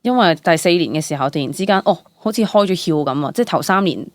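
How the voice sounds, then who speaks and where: Speaking quickly in a lowish voice, the same kind of guest, a late-twenties Hong Kong actress, recounts personal stories with lively exclamations and English words sprinkled into her Cantonese-accented talk. It's a relaxed interview captured as dry, clean studio sound.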